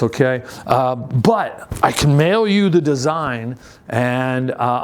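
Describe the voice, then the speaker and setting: An American man giving an informal youth group talk as an upbeat, folksy youth pastor, in a halting, stammering way that repeats words. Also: a little high.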